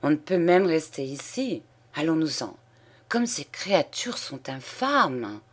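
Casting: woman as a snobbish lady, low-pitched, unhurried, prim. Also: big pitch swings, full character voice. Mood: disdainful. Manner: prim, disdainful. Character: haughty middle-class woman, disdainful.

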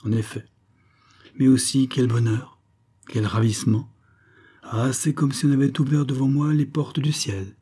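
A man's voice: medium pitch, unhurried, long pauses, dark tone, husky, pitched above the performer's own voice. A man voicing a scheming villainous count who feigns emotion in theatrical exclamations, read in an audiobook.

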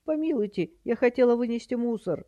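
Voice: mid-range voice, animated, fairly quick, warm tone, lo-fi sound, pitched above the performer's own voice, close to an everyday voice. A narrator voicing a feeble old woman who plays senile, with a quavering, doddering voice and a fussy, dithering manner. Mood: pleading.

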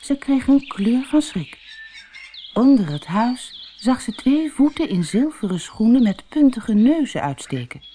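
A woman from the Netherlands narrating a children's audiobook, expressive and rising and falling. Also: fairly high pitch, measured pace, a little hiss or hum. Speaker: audiobook reader. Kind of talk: storybook narration.

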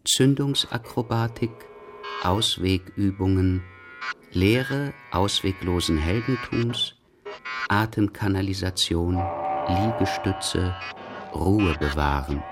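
With a standard German accent, a low-voiced man reads scripted literary radio narration over music. His delivery is measured and deliberate.

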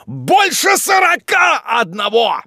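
A man voicing an irascible old country squire who blusters and shouts in outrage. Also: a little high, sing-song, a little slow, slightly rough, no echo, studio quality, full character voice. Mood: furious.

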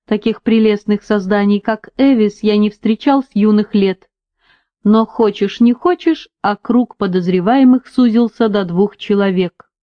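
A woman reading the lines of a calm male amateur detective, dry and laconic, in a plain, lightly acted voice. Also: mid-range voice, unhurried, lo-fi sound, lightly acted. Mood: dry, detached. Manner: detached, laconic.

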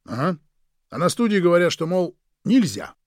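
A man voicing a worldly man who tells stories in a lively, animated way in a storybook reading. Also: sits high, moderate pace, dry recording, clean studio sound, pitched above the performer's own voice. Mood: explaining.

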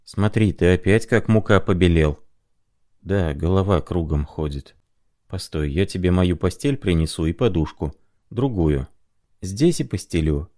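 A man reading aloud, voicing a gentle, mysterious young woman who soothes and coaxes in a soft manner. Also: low-pitched, animated, a little slow. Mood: wistful. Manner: soft, caring, coaxing.

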